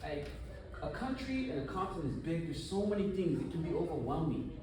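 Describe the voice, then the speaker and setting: A man gives a conference talk in an animated, conversational way, often asking the audience questions. His voice sits a bit high. The sound is distant and very echoey, with faint noise in the background. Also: brisk. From United States. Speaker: conference speaker. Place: conference hall. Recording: echoey room, from far off.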